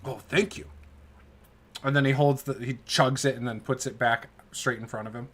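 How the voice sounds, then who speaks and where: A man improvising narration as the game master of a tabletop game, halting and informal as he searches for words. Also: mid-range voice, fairly even intonation, fairly bright tone.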